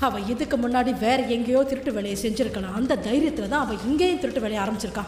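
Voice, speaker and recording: A scheming woman coos falsely sweet reassurances, played by an actress. Her voice is high and placating. Serial music plays beneath her. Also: very fast, lightly acted. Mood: sly. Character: scheming woman feigning kindness. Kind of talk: dubbed television serial acting. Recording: music score under dialogue.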